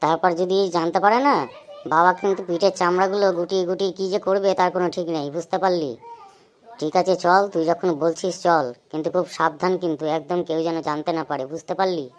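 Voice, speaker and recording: Woman voicing fast-talking cartoon boy Bitkel. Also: lowish voice, steady tone, natural voice. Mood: worried. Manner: fast, chattering, nervous then cocky. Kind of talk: cartoon comedy voice acting.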